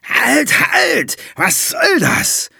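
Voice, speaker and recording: A man's voice: a little high, sing-song, a little slow, creaky, pushed and bright, slightly rough, no room sound, clean studio sound, voice pushed up, heavily acted. A man voicing a scheming, greedy male dwarf who whines and protests, in an audiobook. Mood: whining protest.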